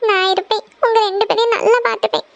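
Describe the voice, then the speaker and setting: A woman's voice: very high-pitched, steady tone, fast, no room sound, lo-fi sound. A woman voicing a devoted young eldest daughter in a cartoon family serial, pleading insistently.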